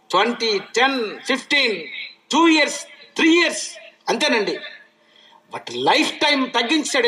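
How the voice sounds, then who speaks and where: A man preaching a sermon, throwing questions at his listeners and moving from loud calls to low asides. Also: low-quality recording.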